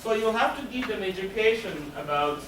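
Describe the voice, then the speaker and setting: A counselor gives a spoken presentation to a live audience, his high voice expressive and fairly quick. He explains in short, emphatic phrases and poses questions he then answers himself. The sound is roomy, from a distant mic, with noticeable background noise.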